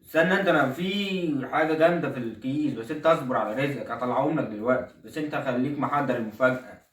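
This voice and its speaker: Brief: man as boastful Egyptian comedy-sketch dad, fast talker, echoey far-off room sound. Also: mid-range voice, close to an everyday voice. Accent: Egyptian Arabic. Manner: boastful, coaxing, keeps saying look. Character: middle-aged Egyptian dad, stingy, boastful salesman of cheap shirts. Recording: roomy echo, voice far from the mic.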